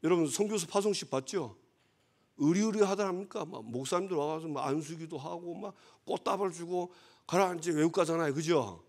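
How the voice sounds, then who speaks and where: A man's voice: fairly high pitch, a little fast, a little mellow. A male pastor gives a conversational sermon and often checks that the congregation agrees.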